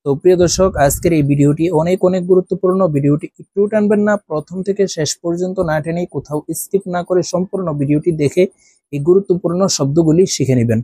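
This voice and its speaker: A man teaching a reading lesson, spelling out syllables one by one and drawing recited words out slowly. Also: high-pitched, mellow, husky, no echo.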